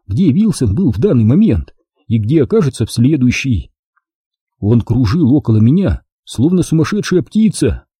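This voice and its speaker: A man's voice: mid-range voice, dark tone, husky, dry recording. A man narrating a children's story in the first person as an audiobook reader.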